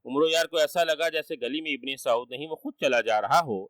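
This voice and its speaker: Bright-voiced male storyteller. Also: a little high, no room sound. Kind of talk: scripted storybook narration. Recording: distant dry mic.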